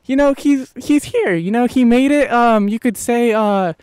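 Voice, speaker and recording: A hyped arena announcer for monster truck night, as a man puts him on, pitched very high and stretching every word out slowly. The showman hype comes through clean and smooth on a dry, close mic with no room around it. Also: a little mellow, no room sound. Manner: drawn-out, booming showman hype. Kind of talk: improvised announcer role-play.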